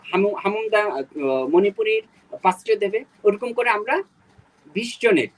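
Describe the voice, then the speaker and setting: A man from Bangladesh, a native Garo speaker, talks on a video call with a husky, slightly rough voice. He sits fairly high in pitch for a man. He makes an earnest, urging case and stops often on hesitant fillers as he thinks aloud. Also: rough recording. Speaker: panelist at a literature webinar. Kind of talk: earnest webinar talk.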